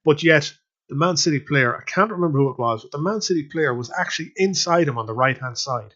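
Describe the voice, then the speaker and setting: A man's voice: a little high, expressive, fast, a bit bright. A man hosting a podcast, giving a casual spoken match review that rambles with many fillers and restarts. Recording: slightly dull lo-fi sound.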